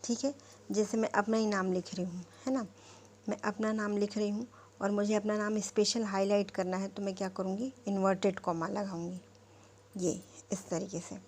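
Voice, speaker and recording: A woman's voice: medium pitch, steady tone, darkish tone, a little hiss or hum. A woman teacher patiently explaining punctuation, spelling words out and often checking with "okay?". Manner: repeats "ठीक" and "है ना" to check understanding; slow, patient explaining with fillers. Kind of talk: classroom lesson on punctuation.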